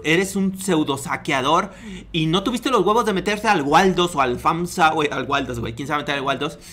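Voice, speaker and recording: High, bright-voiced Mexican man mocking. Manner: crude, slangy and mocking, frequently laughing. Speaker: online commentator. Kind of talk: mocking video commentary.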